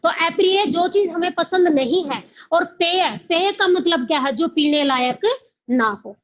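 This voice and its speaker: Woman teacher, high voice, asks then answers herself, slows down on key words, kinda muffled lo-fi sound. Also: lively intonation. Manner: asks the class questions and answers them herself; repeats key words slowly. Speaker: Hindi teacher. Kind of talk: exam coaching lecture.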